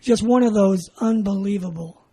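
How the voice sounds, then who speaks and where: Mellow-voiced older man telling stories. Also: high voice, moderate pace, breathy edge. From California. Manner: rambling, animated anecdote-telling with frequent "you know". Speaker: guest. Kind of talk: casual storytelling.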